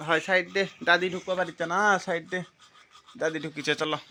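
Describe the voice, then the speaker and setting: A woman's voice: lowish voice, steady tone, brisk, sharp tone, a little hiss or hum. A young woman, talking with her toddler outdoors in a singsong, coaxing voice. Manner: coaxing, singsong baby talk. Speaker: parent. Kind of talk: casual family chat with a toddler. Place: outdoors in a yard.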